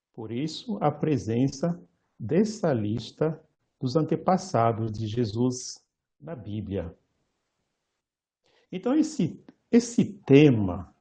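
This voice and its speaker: A male priest delivers a lecture-style sermon slowly and deliberately, pausing often and correcting himself mid-word. His voice is medium-pitched and warm.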